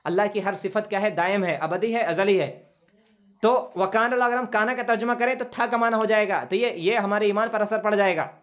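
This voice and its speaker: A man teaching an English grammar lesson, patiently repeating phrases slowly for his students. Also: sits high, steady tone, fairly bright tone. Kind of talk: classroom lesson explaining grammar.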